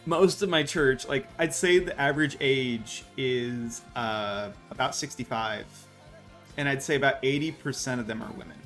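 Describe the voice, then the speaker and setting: A man's voice: medium pitch, moderate pace, a bit bright, soft background music. An American man in his thirties, chatting casually and animatedly to a live stream audience with a self-mocking streak. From United States. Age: 30s. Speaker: VTuber streamer.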